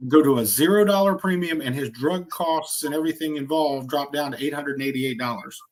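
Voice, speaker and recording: A man demonstrating insurance quoting software on a screen share, talking in an energetic, salesy way with quick asides. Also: fairly high pitch. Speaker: insurance agent trainer.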